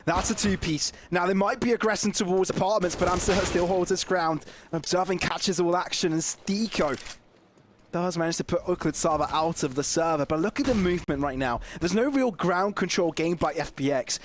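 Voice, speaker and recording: A man calling an esports match in quick play-by-play, with a high voice that jumps up at big moments. His delivery is excitable and jokey. Faint background noise sits under the mic. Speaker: esports caster. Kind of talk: play-by-play commentary.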